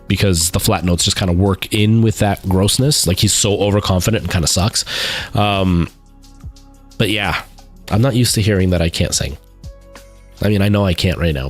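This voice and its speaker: A man talking casually to viewers on a livestream, candid and self-deprecating about himself. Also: low-pitched. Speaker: streamer chatting with viewers, stage musical performer.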